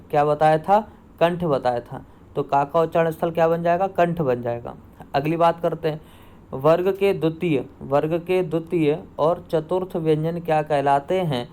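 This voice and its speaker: A man's voice: fairly high pitch, darkish tone, clear, resonant tone. A man teaching a Hindi grammar lesson for exam preparation, asking each question and then answering and repeating it himself. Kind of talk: online exam-prep lesson.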